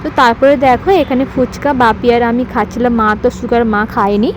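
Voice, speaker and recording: A woman vlogger with a hoarse voice, talking softly and chatting straight to her viewers in a casual voice-over. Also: fairly high pitch, fairly even intonation, quick pace, heavy background noise. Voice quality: soft-spoken. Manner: chatty, addresses viewers directly.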